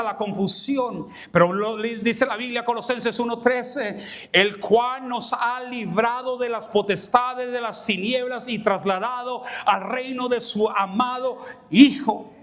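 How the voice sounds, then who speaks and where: A pastor preaching a passionate sermon, acting out the voices of people he quotes and rising at times to a shout. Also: very high voice.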